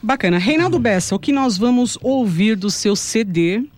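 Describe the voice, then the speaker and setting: A woman's voice: fairly high pitch, animated, normal speed, a little mellow. A Brazilian woman hosting an interview, chatting and prompting her guest with tag questions. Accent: Brazilian Portuguese. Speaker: interview host. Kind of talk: broadcast interview chat.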